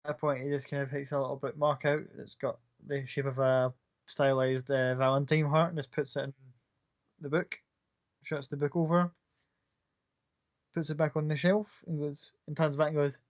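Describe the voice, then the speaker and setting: A man's voice: fairly high pitch, level tone, normal speed. A man narrating a tabletop game as game master in a loose, casual way. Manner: casual, loose, many "kind of, like" fillers. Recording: muffled lo-fi recording.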